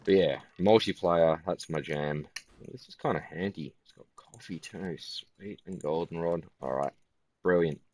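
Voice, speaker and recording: A tired man giving casual gameplay commentary in a flat, musing way. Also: sits low, measured pace. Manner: self-described monotone, relaxed and musing.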